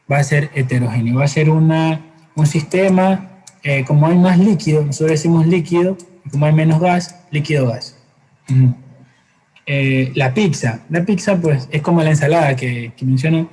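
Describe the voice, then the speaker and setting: A man teaching a science class, explaining patiently with everyday examples, often pausing to hesitate and correct himself. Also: fairly high pitch, a little mellow, slightly rough, rough recording. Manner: frequent hesitations and self-corrections. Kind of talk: classroom lecture.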